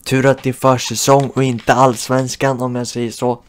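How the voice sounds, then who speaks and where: A man giving live commentary over his football video game, cheering his team and groaning at misses. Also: medium pitch. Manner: excitable, shouts at goals, groans at misses. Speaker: gaming channel host.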